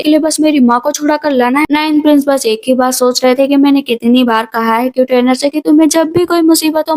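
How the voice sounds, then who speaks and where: A woman's voice: high voice, darkish tone. A woman narrating a drama recap in a casual, running storytelling way. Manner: retells scenes in a running, conversational way.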